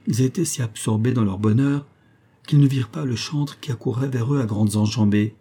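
A man narrating a classic short story in a measured, calm way. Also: medium pitch. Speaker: audiobook narrator. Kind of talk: literary audiobook narration.

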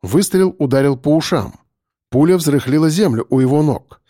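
A man narrating an audiobook in an expressive, storytelling way. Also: on the high side, moderate pace, no echo, clean studio sound. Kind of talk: scripted narration.

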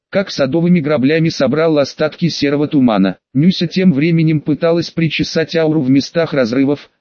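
Guy reading an audiobook, voice a bit high, dull lo-fi sound. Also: darkish tone, dry recording. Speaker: audiobook narrator. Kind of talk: scripted first-person narration.

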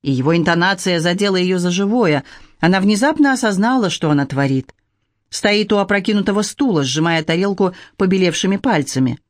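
Brief: audiobook narrator, middle-pitched, steady measured reading, dry close sound. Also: dry recording.

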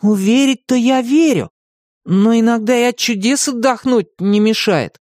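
A man's voice: very high voice, moderate pace, darkish tone, dry recording, studio quality, voice pushed up. A man voicing a grumpy, skeptical young boy who grumbles and argues, in a storybook reading. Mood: grumbling. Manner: grumbling, argumentative.

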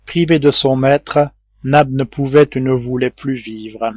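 A man narrating a classic novel as an audiobook reader, in a measured literary way. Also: medium pitch, fairly even intonation, no room sound, dull audio. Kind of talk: scripted narration.

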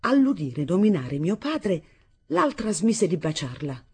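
A woman reading a novel aloud as an audiobook narrator, in a measured, expressive way. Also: on the low side, slightly rough. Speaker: audiobook reader.

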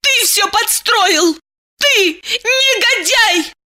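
A woman voicing a distraught, hysterical young woman who cries out in a shrill voice. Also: expressive, slow pace, bright, forceful tone, exaggerated voice. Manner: shrill, crying out.

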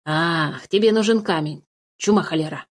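A woman voicing a greedy, fussy old male dwarf in a storybook reading, excitable and quick to curse. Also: sits low. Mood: excited grumbling. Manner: fussy, excitable, keeps cursing.

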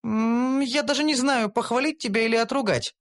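A man reading an audiobook voices a sharp-tongued young female elf warrior who talks with scorn and scolds. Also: very high voice, moderate pace, pitched above the performer's own voice. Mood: wary.

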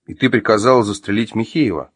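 A man's voice: lowish voice, fast talker, breathy edge, no echo, clean studio sound. A man voicing an angry man who interrogates his ex-wife at gunpoint, growling and barking his questions in an audiobook. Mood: cold interrogating.

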